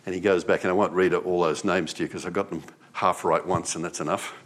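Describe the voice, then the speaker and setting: Low-voiced man preaching conversationally. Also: fairly even intonation, fairly quick. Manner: conversational preaching, with rising emphatic repetitions. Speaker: pastor. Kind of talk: sermon.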